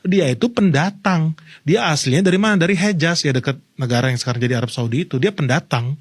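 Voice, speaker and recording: A man's voice: fairly high pitch, fast talker, dry recording, studio quality. A man giving casual political commentary, explaining history to his viewers in a conversational way.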